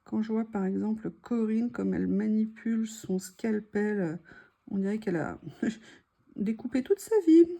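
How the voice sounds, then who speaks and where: A woman's voice: mid-range voice, measured pace, vocal fry, warm tone. A woman chatting casually while she crafts, thinking aloud and sometimes dropping to a murmur. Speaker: crafting vlogger.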